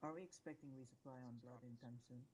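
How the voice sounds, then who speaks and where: Brief: quick male radio operator heard over a game radio, clipped callsigns, noisy channel. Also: medium pitch. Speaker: squad radio operator in a military sim game.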